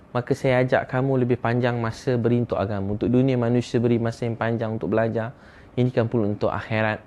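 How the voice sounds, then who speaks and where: A man with a Malaysian Malay accent telling a story in a sermon, rising to a high, pleading pitch when he voices prayers. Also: a little mellow, muffled recording, slight background noise. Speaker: preacher.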